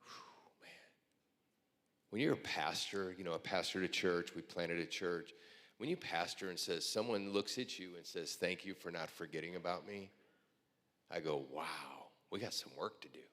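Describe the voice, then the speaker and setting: A man's voice: deep voice, normal speed. A man who is a pastor, telling earnest, emotional stories to a room at a breakfast event. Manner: earnest storyteller, quiet and emotional at times. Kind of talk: heartfelt speech at a breakfast event. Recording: long hall reverb.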